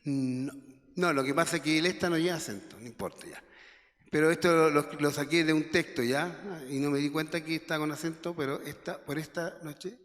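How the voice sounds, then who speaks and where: A man's voice: a little high, brisk, a bit bright. A man teaching a Bible lesson in church, reading verses aloud with small stumbles and checking in with rhetorical questions. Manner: reads scripture aloud with stumbles, asks the class rhetorical questions. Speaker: Sunday school teacher. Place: church hall. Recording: long hall reverb.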